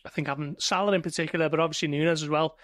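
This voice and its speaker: Panelist: man, higher voice, chatty and restarting, dry close sound. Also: steady tone, very fast, a bit bright, no room sound. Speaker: football journalist panelist. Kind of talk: casual football podcast chat.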